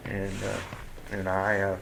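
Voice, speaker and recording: A deep, monotone male voice with vocal fry and a fairly bright tone comes through a little hiss or hum. The man, in his seventies, sits in his living room for a casual oral-history interview, bluntly recounting his life with some swearing and often stopping to restart with "uh."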